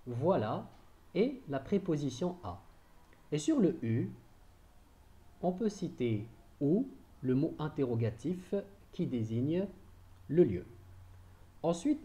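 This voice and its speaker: A man teaching a recorded spelling lesson, dictating slowly and repeating words to stress them. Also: on the high side, warm tone. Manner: slow dictation, stresses and repeats each word.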